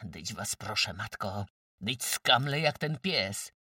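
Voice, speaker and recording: A man voicing a defiant, sullen young peasant son making gruff demands. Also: lowish voice, animated, slow pace, pushed and bright, no room sound, studio quality, recorded from a distance, exaggerated voice. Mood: pleading.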